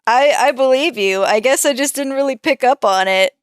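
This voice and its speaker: A woman's voice: sits high, moderate pace, smooth, no room sound, clean studio sound. A woman co-hosting a podcast in casual chat, with an easygoing, wry way of talking. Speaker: podcast co-host.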